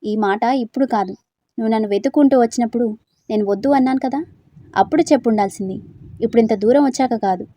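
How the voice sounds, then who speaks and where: A woman's voice: on the high side, quick pace, dark tone, no echo, close to an everyday voice. A woman voicing a brooding young man who breaks off with his lover in a curt, reproachful tone, read as part of a storybook. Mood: hurt, reproachful.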